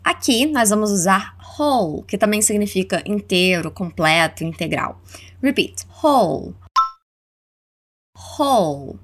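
A woman with a Brazilian accent teaching English words, saying each one slowly and clearly for listeners to repeat. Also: mid-range voice, lively intonation. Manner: slow, clear modeling of words for repetition. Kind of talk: language lesson narration.

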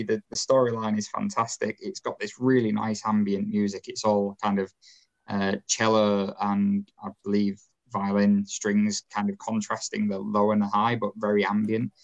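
A man with a Yorkshire accent chats about games on a podcast in a rather low voice. He rambles with plenty of fillers and laughs easily. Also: little pitch movement, highs cut off. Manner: rambling, chatty, quick to laugh. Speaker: podcast co-host. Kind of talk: casual podcast chat.

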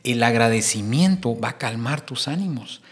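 A man's voice: medium pitch, lively intonation, normal speed. Middle-aged male host, preachy. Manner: preachy, addresses listener directly, acts out little quotes.

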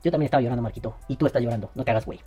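A man's voice: medium pitch, very fast, warm tone, slightly rough, soft background music. A man with a Mexican accent hosting a podcast, with crude, joking, slang-filled banter and a voice kept down. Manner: keeping his voice down. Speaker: podcast host. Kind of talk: casual podcast chat.

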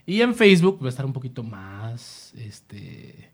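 A man's voice: mid-range voice, big pitch swings, measured pace. A man with a Mexican accent hosting a casual podcast, rambling with many fillers and restarts. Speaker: podcast host.

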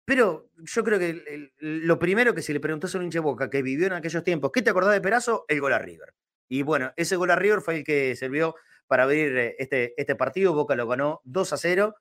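An Argentine man giving animated, emphatic football talk as a pundit, repeating words to drive his points home. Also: fairly high pitch, brisk. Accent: Argentine Spanish.

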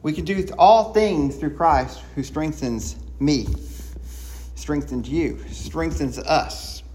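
Man preaching, fairly high voice, excited, fast-talking, many restarts. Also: slight background noise. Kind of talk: sermon.

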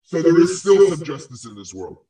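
A man voices a crude, spiteful male ghost in a comic audio play, pompously delivering insults and prophecies with halting pauses, smug and sing-song with a dark tone. His slightly high voice sounds distant and drenched in heavy echo.

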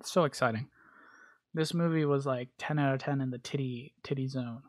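A man's voice: medium pitch, fairly even intonation, normal speed. A man hosting a podcast alone, recapping a bad movie in a rambling, crude, joking way with lots of fillers. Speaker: podcast host. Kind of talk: casual solo movie recap.

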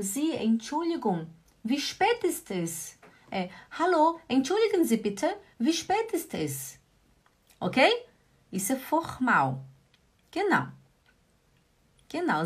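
Lively woman teaching German. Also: high voice. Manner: lively, drills phrases slowly, often asks "né?". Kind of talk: live online language lesson.

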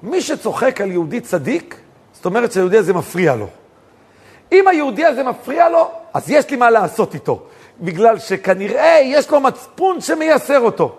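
A rabbi gives a lively Torah lesson, telling stories and acting out the dialogue. His voice is high with a breathy edge.

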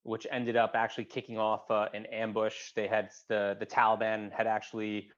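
A man in his thirties, a veteran guest in an interview, telling his story in a halting way with many fillers and restarts, his voice dropping low at emotional points. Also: completely flat delivery. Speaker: guest, combat-wounded veteran. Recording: dull, lo-fi sound.

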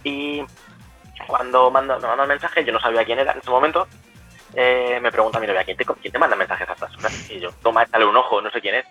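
A young man speaks quickly, chatting away as an interview guest. His voice is bright and forward. He stops and restarts his sentences as he goes, and quiet music plays faintly behind him. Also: mid-range voice, steady tone, breathy edge, rough recording. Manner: chatty, many restarts and self-corrections. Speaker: guest cosplayer. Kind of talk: casual storytelling.

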